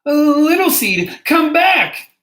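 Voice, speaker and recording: A man voicing a small, loyal little fox in a children's storybook, high-pitched and anxious. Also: expressive, a little slow, a bit bright, full character voice. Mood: calling. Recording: echoey room.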